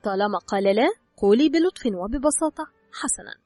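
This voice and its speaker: A woman's voice: fairly high pitch, big pitch swings, fast talker, a little mellow, breathy edge, dry recording, soft background music. A woman narrating an advice book in a scripted reading, giving instructions straight to the listener. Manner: instructive, addresses the listener directly. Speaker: audiobook narrator.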